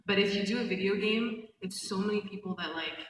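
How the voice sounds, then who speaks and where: A woman actor talking casually on a convention panel, chatty and aware of how loud she is. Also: mid-range voice, a little fast, a little hiss or hum. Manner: chatty, self-conscious about speaking loudly. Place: large convention panel room. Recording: echoey hall, voice from a distance.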